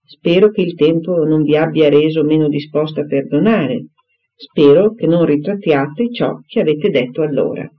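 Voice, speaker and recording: A man voicing a charming, eager young gentleman in an audiobook reading, speaking earnestly and effusively. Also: fairly high pitch, normal speed, highs cut off, natural voice.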